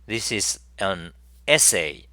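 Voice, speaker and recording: A man's voice: deep voice, animated, slow, bright, forceful tone, no room sound. Rambling man hosting a casual stream. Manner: rambling with many fillers and restarts; reads viewer chat messages aloud. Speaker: talk show host. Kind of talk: casual live-stream chat.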